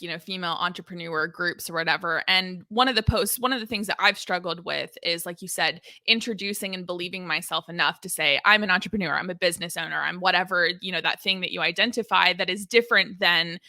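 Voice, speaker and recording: A woman's voice: lowish voice, fast, few pauses, pushed and bright, dry recording, studio quality. A woman of thirty hosting an interview, enthusiastic and talking in long rambling questions. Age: 30s. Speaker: podcast host. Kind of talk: interview conversation.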